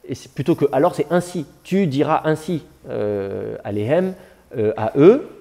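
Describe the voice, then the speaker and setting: A male teacher explains a point to his class, patient and unhurried, often restarting his sentences. His voice is mellow and relaxed, at an ordinary pitch. He speaks in a classroom. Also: creaky. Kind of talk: classroom lesson.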